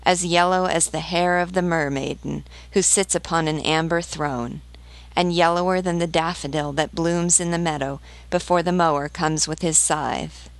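A woman reading the part of a gentle yellow rose tree in a storybook, slow and measured. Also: low voice, steady tone, no room sound.

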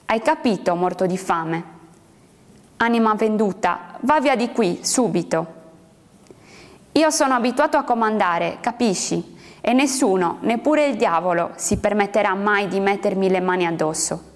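A woman's voice: medium pitch, normal speed, natural voice. A woman voicing a haughty, commanding rich old male prisoner who speaks with scorn, recorded with a long reverb. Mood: scornful.

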